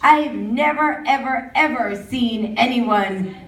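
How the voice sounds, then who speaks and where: A woman doing a stand-up comedy set at an open mic in a pub, animated and mocking as she talks. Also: fairly high pitch, takes it slowly. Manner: animated, mocking voices of others. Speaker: stand-up comic. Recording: roomy pub sound from far off.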